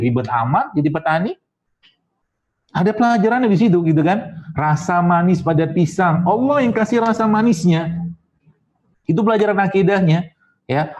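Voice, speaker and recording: Slightly high and a little mellow, this man's voice carries a casual, humorous health talk for an audience, complete with sound effects and voices he quotes. He's an Islamic health speaker, recorded in dull lo-fi quality.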